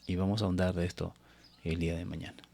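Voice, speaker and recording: A man's voice: low voice, little pitch movement, fast talker, gravelly, dark tone. A man preaching a Bible study sermon on a live stream, earnest and exhortative, often addressing his listeners as brothers.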